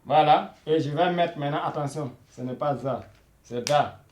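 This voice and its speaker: A man teaching a beginners' Arabic video lesson, repeating each word slowly and saying "voilà" and "hein" all the time. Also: on the high side, a little mellow, echoey room. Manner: slow and repetitive, repeating each word many times; says "voilà" and "hein" constantly.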